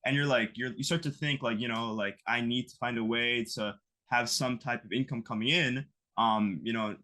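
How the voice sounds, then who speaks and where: An interview guest in his twenties, from the US East Coast, speaks at a moderate pace in a mid-range voice that's steady yet pushed and bright. He rambles casually and uses lots of fillers like "you know" and "like."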